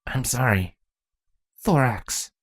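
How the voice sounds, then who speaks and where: For a storybook reading, a man voices a weary female former changeling queen whose manner is dry, measured and firm. His mid-range voice is pushed up and delivered with animation.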